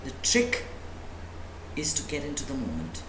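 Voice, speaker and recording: A woman with an extremely low, slightly bright voice gives an emphatic motivational talk as a spiritual teacher, her pitch swinging hugely at normal speed. Indoors at a live talk, she leans on rhetorical questions and repetition, and the room is echoey with faint background noise.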